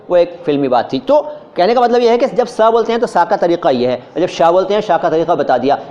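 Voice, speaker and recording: A man teaching Hindi and Urdu pronunciation in a lively lecture, drawing out syllables slowly and joking with his students. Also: fairly high pitch, highs cut off. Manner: demonstrates sounds slowly, repeats syllables, jokes with students. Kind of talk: lively classroom-style lecture.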